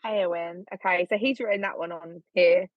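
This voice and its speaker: A woman's voice: fairly low pitch, steady tone, moderate pace, no room sound. A woman co-hosting a podcast, chatting casually with a candid, jokey and blunt manner. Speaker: podcast co-host. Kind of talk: casual chat. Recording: slightly dull, dry recording.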